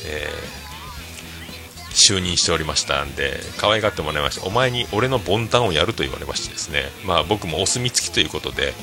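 A man's voice: rumbling low, a little fast, over music. A middle-aged man from Fukuoka, telling rambling stories in a solo talk stream, full of fillers. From Fukuoka, Japan. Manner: rambling storytelling, many fillers, animated quoting. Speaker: host, restaurant owner.

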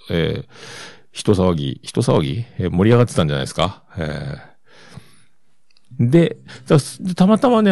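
A man's voice: on the low side, darkish tone, no echo. A man in his fifties with a Kansai accent, hosting a podcast in casual solo chat, rambling along with loose asides. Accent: Kansai Japanese. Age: 50s. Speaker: podcast host.

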